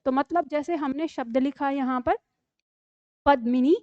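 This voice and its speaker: A woman teacher walks through a grammar lesson step by step, often stopping to check that her students follow. Her voice sits high, and the recording is dry and a little dull. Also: measured pace, no echo. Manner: explains step by step with frequent "ठीक है?" checks. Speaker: Hindi teacher.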